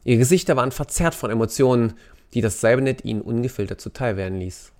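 A man reading a novel excerpt aloud in an intense, expressive storytelling manner. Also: mid-range voice, fast talker. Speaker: narrator. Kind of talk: dramatic audiobook reading.

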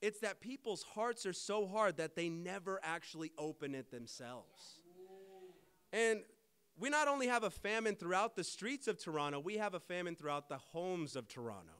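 A man's voice: high-pitched, lively intonation, normal speed, a bit bright, smooth. A man preaching a sermon to his congregation, emphatic and putting rhetorical questions to the people in front of him.

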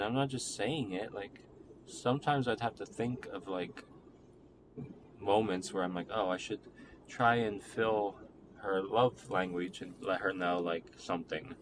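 This personal monologue about a relationship comes from a low-voiced young man who rambles, halts, and fills his reflective talk with many fillers. The background noise is noticeable.

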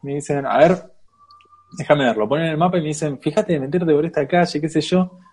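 Young guy w/ argentine accent, slightly high voice, animated storytelling, laughs a lot. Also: fairly quick, breathy edge. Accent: Rioplatense Argentine Spanish. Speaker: guest storyteller. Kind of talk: casual anecdote telling.

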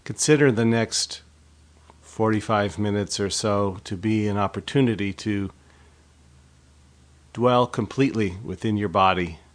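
Leading a body scan meditation, the male instructor speaks on the low side. His pace is measured, his manner gently instructive, and he pauses between phrases.

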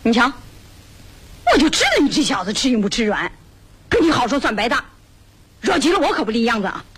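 An actress playing a brash, bossy young woman who scolds loudly, with a husky voice and a Beijing accent, in a radio drama. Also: a little high, very animated, a little fast, heavily acted, rough recording. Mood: threatening. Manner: loud, scolding, cajoling.

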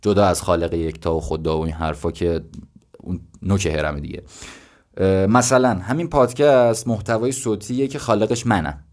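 A young Iranian man in his twenties with a low, slightly mellow voice explains things casually as host of a solo podcast. His style is conversational and explanatory, thinking aloud with self-deprecating asides.

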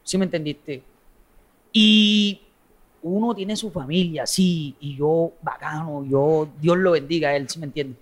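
Casting: male content creator, coastal Colombian accent, high voice, outspoken and sweary, casual interview talk. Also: a little slow. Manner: blunt, slangy, foul-mouthed. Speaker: social media content creator being interviewed.

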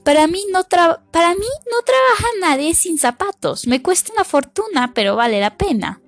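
A woman's voice: very high voice, big pitch swings, normal speed, dry recording, faint music behind, pitched above the performer's own voice, full character voice. A woman reading aloud and voicing a fussy, imperious lady colonist who speaks brusquely and with disgust. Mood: matter-of-fact. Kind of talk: audiobook character voice.

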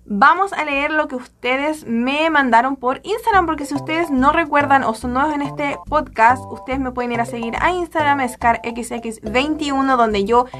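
A woman with a notably high voice hosts a relaxed podcast conversation. She talks frankly and wryly, the way you would with a close friend. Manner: chatty, wry, frank. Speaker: podcast host. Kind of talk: casual chat.

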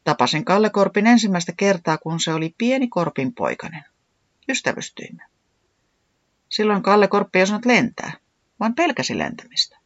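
A storyteller voicing a calm, well-travelled creature who manages the band and soothes its friends. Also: mid-range voice, dry recording, muffled recording, pitched above the performer's own voice. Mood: soothing.

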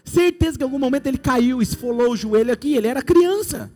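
A man's voice: very high-pitched, expressive, quick pace, a little mellow, soft background music. A man with a Brazilian Portuguese accent preaching a sermon, telling playful stories and acting out imagined scenes.

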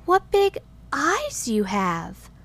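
A woman's voice: high-pitched, huge pitch swings, very slow, a bit bright, pitched above the performer's own voice, full character voice. A woman doing a wide-eyed little storybook girl. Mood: wondering.

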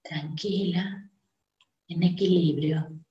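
A woman host guiding listeners in short, unhurried phrases with long pauses, as in a meditation. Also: on the low side, fairly even intonation, dark tone, highs cut off. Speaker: host leading a guided breathing meditation. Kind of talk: guided meditation, slow and soothing instruction. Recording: roomy, echoing sound.

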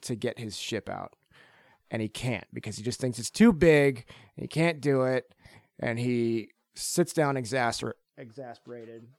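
Rambling, excited podcast guy. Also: medium pitch, a little slow, vocal fry, dry recording. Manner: rambling, enthusiastic, many fillers. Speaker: podcast host. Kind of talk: casual chat.

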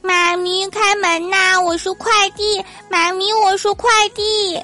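A woman voicing a cheeky, scatterbrained young schoolkid in a high, whiny, bratty voice. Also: fairly even intonation, measured pace, pushed and bright, full character voice. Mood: wailing.

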